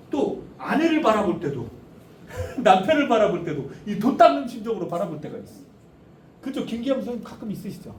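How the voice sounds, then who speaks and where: A middle-aged man giving a lively lecture on family life, joking with the audience and asking them questions. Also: high-pitched. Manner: animated, jokey, asks audience questions. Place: lecture hall. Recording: echoey hall, distant mic, faint noise.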